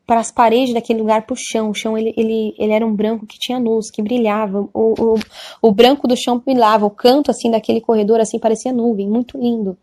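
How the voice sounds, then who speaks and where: A woman with a fairly high voice gives a church testimony, halting and restarting as she repeats herself. Her delivery is plain and earnest. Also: flat delivery, dark tone. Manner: halting, many restarts and repetitions. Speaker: church member giving testimony. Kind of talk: religious testimony.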